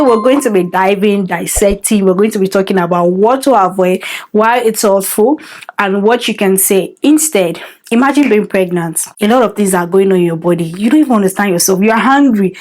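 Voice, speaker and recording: A woman giving advice straight to camera, expressive and emphatic, with mock-scolding asides. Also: mid-range voice. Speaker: vlogger. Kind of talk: direct-to-camera advice vlog.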